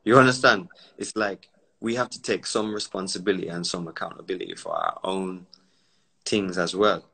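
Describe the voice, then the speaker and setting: Speaking through a phone on a live video call from his home, this Barbados-born, UK-raised entrepreneur and commentator holds forth in a casual stream. His low, husky voice has a sharp tone and stays steady at a moderate pace, though the audio is poor. He lectures emphatically for long stretches, performing quoted voices as he goes.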